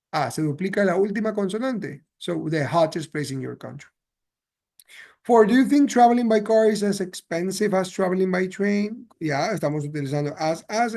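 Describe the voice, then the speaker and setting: A man's voice: a little high, mellow. A man with a slightly raised voice explains grammar patiently to his students. He switches easily between Spanish and English. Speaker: English teacher. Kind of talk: classroom grammar lesson.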